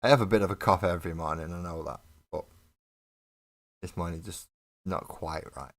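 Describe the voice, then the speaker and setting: A man with a low voice, speaking at normal speed, hosts a mini painting livestream, chatting casually with viewers in chat while he builds a model. He laughs often and has a morning cough.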